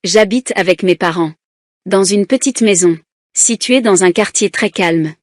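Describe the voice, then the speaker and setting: Slow, careful woman reading a lesson. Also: mid-range voice, no room sound, studio quality. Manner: slow, deliberate, splits words into syllables. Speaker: teacher. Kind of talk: reading a children's lesson aloud.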